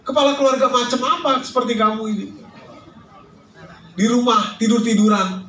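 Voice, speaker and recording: A nagging, anxious wife scolding her husband in a raised, exasperated voice, as a male preacher puts her on. The voice sits high, and it echoes from a distant mic. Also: moderate pace, bright, forceful tone, slight background noise. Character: scolding worried wife of a jobless man.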